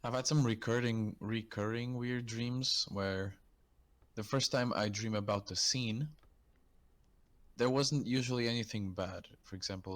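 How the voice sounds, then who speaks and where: A man co-hosting a podcast in casual chat, recounting things in a calm, measured way with dry asides. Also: on the low side. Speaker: podcast co-host.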